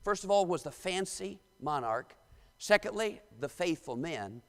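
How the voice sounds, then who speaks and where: A man's voice: fairly high pitch, animated, a little slow, fairly bright tone. A male pastor with a Midwestern American accent, preaching a sermon and reading scripture aloud with emphasis. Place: church sanctuary. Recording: long church hall reverb.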